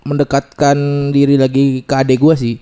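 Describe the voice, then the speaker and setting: A young man talking in a relaxed, slangy way in a casual group chat, giving advice. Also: medium pitch, moderate pace, clear, resonant tone.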